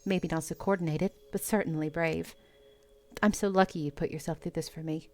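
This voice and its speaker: An Australian woman voicing a dramatic, sharp-tongued female ghost in a dating game. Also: sits low, steady tone, a little fast. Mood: tender. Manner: theatrical, emphatic.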